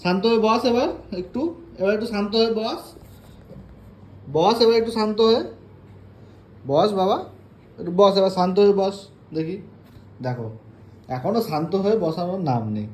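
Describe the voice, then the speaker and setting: A man's voice: high-pitched, normal speed, pauses often, darkish tone, reverberant. A man at home talking playfully to his puppy, coaxing and teasing it in a casual baby-talk way. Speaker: dog owner filming his pet. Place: bedroom at home.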